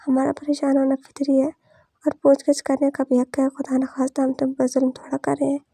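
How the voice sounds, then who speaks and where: A woman reading as a gentle elderly matriarch. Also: sits high, monotone, brisk, gravelly, dry recording. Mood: soothing. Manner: soothing, affectionate.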